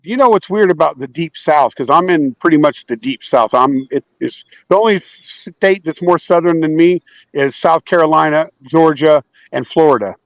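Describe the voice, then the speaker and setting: A man's voice: fairly high pitch, moderate pace, dry recording. A man who works as a plumber, chatting as a guest in a casual, profane, easy-laughing way and often repeating himself. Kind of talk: casual chat. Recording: dull dry lo-fi call audio.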